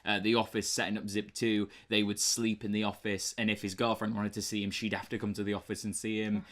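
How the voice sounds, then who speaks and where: His voice sits on the low side, level in tone and fairly bright, and he speaks fairly quickly. He's a young British man co-hosting a book review podcast, talking casually and rambling with many fillers and restarts.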